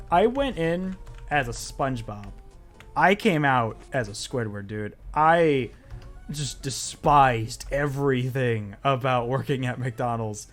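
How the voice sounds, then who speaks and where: A man streaming a game and telling a story in a loose, rambling way, full of fillers and swearing. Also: medium pitch. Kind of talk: casual storytelling while playing a game.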